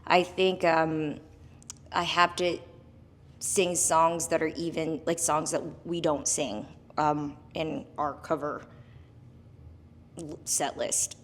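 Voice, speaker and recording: A woman with a slightly low voice talks as a podcast guest. She is upbeat and animated, laughing often as she shares advice from her gigs. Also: slow, pauses often, a little hiss or hum. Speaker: guest, professional singer. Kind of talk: casual interview chat.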